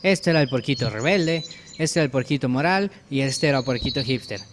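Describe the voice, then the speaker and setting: A man's voice: mid-range voice, expressive, a little fast, a little hiss or hum. A man with a Mexican accent casually improvising a children's story as he draws, joking and correcting himself as he goes. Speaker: narrator. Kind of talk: improvised storytelling while drawing.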